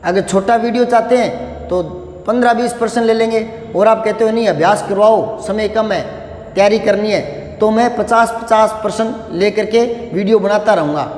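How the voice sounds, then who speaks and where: A male Hindi teacher leading a vocabulary lesson, reciting word pairs over and over in a steady, rhythmic drill. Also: high voice, moderate pace, echoey room.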